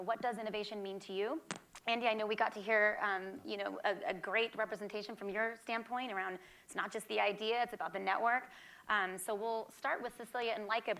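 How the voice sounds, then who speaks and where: A middle-aged woman moderates a live panel. She speaks conversationally and fills pauses with "you know" as she sets up questions for the panelists. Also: mid-range voice, a bit bright.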